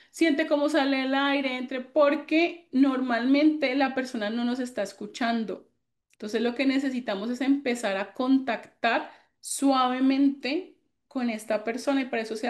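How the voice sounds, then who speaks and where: A woman teaches a virtual class in a high, clear voice. She explains step by step, acts out short example lines and turns to students by name to answer their questions. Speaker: psychological first aid instructor. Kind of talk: online class lecture.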